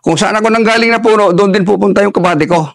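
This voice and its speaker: An older man, an army veteran, telling a war story in an interview in a halting way, with many restarts, and dropping his voice for quoted lines. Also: high-pitched, gravelly, no echo, clean studio sound. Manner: halting, restarts often while recalling combat.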